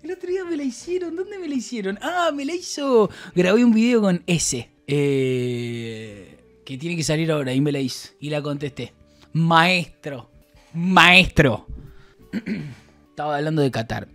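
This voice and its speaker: A man's voice: a little high, a bit bright. A man with an Argentine accent chatting casually on a stream, reading out messages and rambling with crude, joking banter. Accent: Argentine Spanish.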